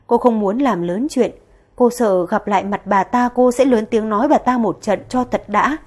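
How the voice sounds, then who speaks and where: A woman narrating a story in a steady, even storytelling manner. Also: a little high, normal speed.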